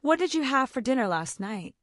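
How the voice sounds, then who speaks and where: A woman's voice: high-pitched, sing-song, fairly quick, dry recording, clean studio sound. A woman voicing a stiff, awkward middle-aged father who speaks hesitantly, in a storybook reading.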